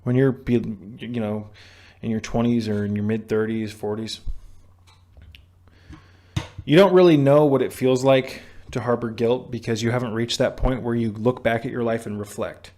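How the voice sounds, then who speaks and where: A man's voice: medium pitch, steady tone, moderate pace, mellow. A young man speaks into a camera mic in a mid-range voice, lecturing viewers on addiction. He is blunt and preachy, stumbling into restarts and dropping the occasional curse as he pushes his point. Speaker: vlogger on sobriety. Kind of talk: direct-to-camera self-help talk.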